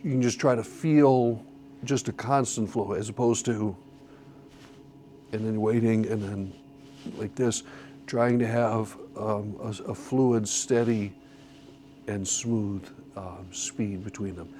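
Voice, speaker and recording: A man's voice: lowish voice, steady tone, slow, mellow, slight background noise. A man teaching a church song-leading class, explaining conducting patterns patiently and counting beats aloud. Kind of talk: classroom instruction.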